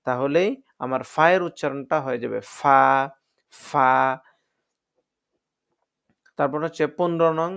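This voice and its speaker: Male teacher, gravelly and a little high, patient tutorial drilling letter sounds one by one. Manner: patient, explanatory, addresses viewers as friends. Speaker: Quran recitation teacher. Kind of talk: step-by-step pronunciation lesson.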